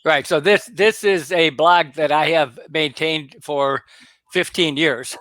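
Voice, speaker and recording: A man speaking as a guest over a video call, explaining in a halting way with many fillers and restarts. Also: on the high side, steady tone, a bit bright, no room sound. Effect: heard over a video call. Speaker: guest presenter. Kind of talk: casual explanation on a webinar.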